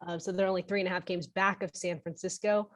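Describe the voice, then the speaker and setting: A woman's voice: fairly low pitch, fairly even intonation, quick pace. A woman co-hosting a casual sports podcast, giving blunt, opinionated takes. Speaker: podcast co-host.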